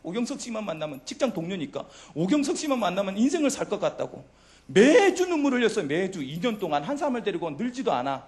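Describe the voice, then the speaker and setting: A man's voice: sits high, big pitch swings, quick pace. A middle-aged man preaching a youth worship sermon, who keeps asking the congregation questions and answering them himself. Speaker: pastor.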